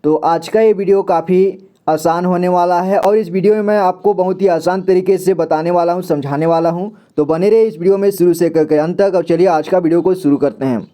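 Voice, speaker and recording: A young man giving a slow, patient reading lesson, repeating each syllable and checking in often. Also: high voice, mellow. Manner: repeats syllables slowly, says "ठीक है" often. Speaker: Hindi reading teacher.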